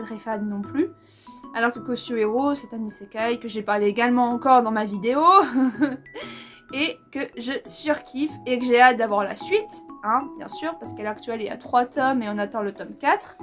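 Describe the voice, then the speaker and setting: A young woman from France chatting casually and enthusiastically in a manga vlog, using a lot of slang. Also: on the high side. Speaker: manga vlogger.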